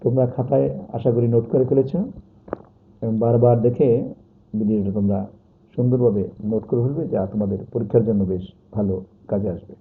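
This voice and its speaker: A male teacher giving a pronunciation lesson, slowly dictating and repeating example words. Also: medium pitch, fairly even intonation, a little hiss or hum. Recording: tinny phone-like sound.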